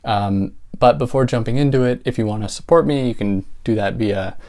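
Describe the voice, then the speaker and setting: A young man hosts his own book channel, chatting casually and thoughtfully in a vlog style with plenty of fillers. His voice is medium in pitch, dark in tone and soothing, and he speaks briskly.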